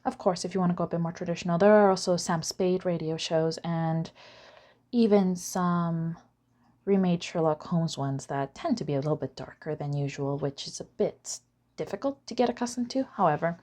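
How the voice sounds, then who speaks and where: A woman with a lowish, mellow voice presents an educational video series at a moderate pace. Her explainer lecture is informal and chatty, dotted with wry asides.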